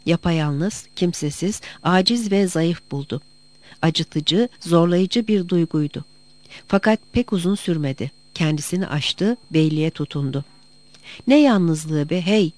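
A narrator reading a historical novel aloud in a measured, storytelling manner. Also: medium pitch, darkish tone, no room sound. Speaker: audiobook narrator.

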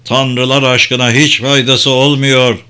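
Man doing a grief-broken big guy, low, slow, heavy, audiobook. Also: fairly even intonation, pushed and bright. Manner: broken, sobbing. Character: big grief-stricken man, violent in sorrow.

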